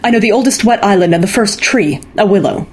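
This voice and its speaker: A woman's voice: medium pitch, fast, darkish tone, a little hiss or hum, pitched above the performer's own voice, close to an everyday voice. A woman voicing a proud, stubborn young man who boasts of his knowledge. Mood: boastful. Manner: earnest, proud, raised. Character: boastful young male charm singer, stubborn.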